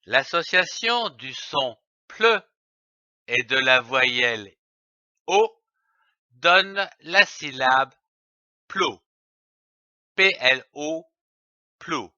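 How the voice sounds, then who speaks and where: A man teaching reading who spells words out letter by letter, deliberate and over-articulated. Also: mid-range voice, animated, bright, forceful tone, no room sound. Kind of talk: slow syllable-by-syllable reading lesson. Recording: dry, dull lo-fi sound.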